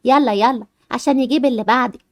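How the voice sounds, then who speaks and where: An outspoken Egyptian woman doctor, voiced by a woman with a high voice. She speaks quickly and bluntly, openly fed up with her patient's husband. The sound is dry and close. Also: no room sound, natural voice. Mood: frank. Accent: Egyptian Arabic. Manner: frank, exasperated.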